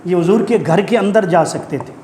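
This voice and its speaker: A man preaching a sermon with fervor, often rising to shouts and calling on the congregation to respond. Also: high-pitched, echoey room, slight background noise. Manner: fervent, rising to shouts, calls for congregation replies. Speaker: Islamic preacher. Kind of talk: impassioned sermon.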